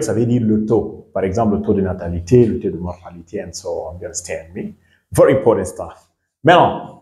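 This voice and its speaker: A man's voice: lowish voice, a little mellow. Echoey-voiced teacher man from Guinea. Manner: repeats words slowly, checks understanding with questions. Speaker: English teacher. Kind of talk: bilingual classroom lesson.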